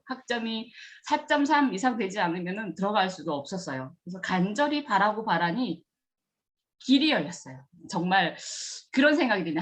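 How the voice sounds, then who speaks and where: Addressing students, a middle-aged woman who runs a kindergarten shares her career through earnest storytelling. She comes from rural Gyeongsang in Korea and brings remembered exchanges to life with animated shifts in pitch.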